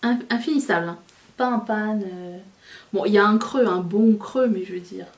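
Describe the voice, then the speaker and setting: A woman's voice: mid-range voice, moderate pace, reverberant, distant mic, slight background noise. A woman vlogger chatting casually to viewers while she does her makeup, joking at her own expense. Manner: chatty, self-mocking, talks while applying makeup. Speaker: beauty vlogger. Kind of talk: casual makeup tutorial chat.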